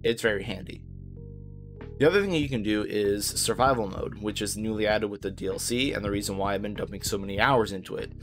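A man's voice: on the low side, brisk, fairly bright tone, faint music behind. A man narrating a casual video game guide as host, informal, easygoing and reassuring in how he talks.

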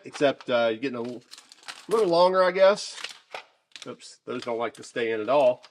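A man casually reviewing shop tools off camera, talking in a chatty, relaxed way with many fillers and restarts. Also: medium pitch, slight background noise. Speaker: tool reviewer.

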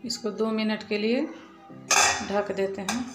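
Woman calmly explaining a recipe. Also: medium pitch, a little slow. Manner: calm step-by-step explaining, addresses viewers as friends. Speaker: cooking channel host. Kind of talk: recipe voice-over narration. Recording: echoey room with music behind.

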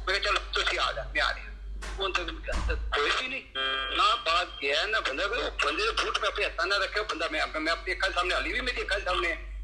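A man's voice: high voice, animated, fast, rough recording. A middle-aged man telling a devotional story from his own life to a congregation, acting out what he and others said. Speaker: devotee sharing a satsang experience.

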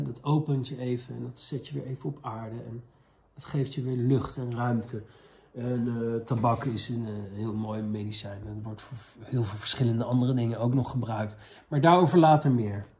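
A man's voice: medium pitch, fairly even intonation, moderate pace, a little mellow. A man hosting a comedic question-and-answer talk, casual and rambling with many fillers, in a mock-spiritual tone. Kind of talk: casual deadpan parody monologue.

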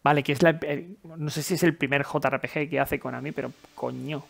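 A man's voice: on the high side, steady tone, brisk, vocal fry. A man with a Castilian Spanish accent giving casual gameplay commentary, informal and thinking aloud. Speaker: video game player and commentator. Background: game music.

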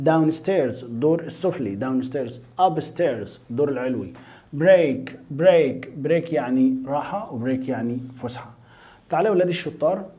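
An Egyptian man teaches English words, repeating each one again and again before glossing it in Arabic. His voice is mellow and warm, set a touch high for a man. He slows right down to spell out each definition. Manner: drills each English word several times, then glosses it in Arabic; slow, drawn-out pronunciation of definitions. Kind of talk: vocabulary lesson, repeating words for pupils to echo.

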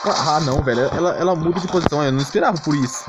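A gaming streamer with a high voice and a Brazilian Portuguese accent gives rapid-fire live game commentary, slangy and mildly grumbling. Game music plays behind him, and the audio quality is poor.

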